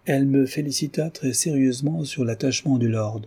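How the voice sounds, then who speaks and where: A man narrating an audiobook in a measured, expressive way. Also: medium pitch, slightly rough. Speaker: audiobook reader.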